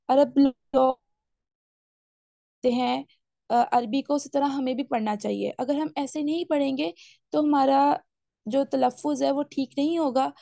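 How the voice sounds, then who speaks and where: A woman teaching a Quran course class, explaining step by step and slowly reciting Arabic phrases. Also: sits high, gravelly, warm tone, dry recording. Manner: explains step by step, asks class to raise hands. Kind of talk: online class lesson.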